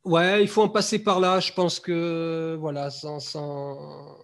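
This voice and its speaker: A man with a notably high voice hosts a relaxed chat over a video call. He talks hesitantly, trails off mid-phrase and drops into soft asides. The sound has the thin quality of a call. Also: slow pace, creaky.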